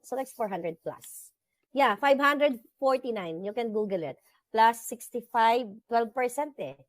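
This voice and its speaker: A woman's voice: on the high side, lively intonation, measured pace, no room sound. A woman with a Filipino accent hosting a casual live chat with viewers, mixing Tagalog and English and laughing often. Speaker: livestream host.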